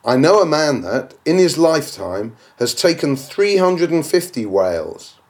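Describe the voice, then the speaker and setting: Reading a classic novel aloud, this audiobook narrator has a somewhat high, slightly mellow voice and is very animated yet unhurried. He delivers it dramatically in a declamatory, oratorical manner full of rhetorical questions.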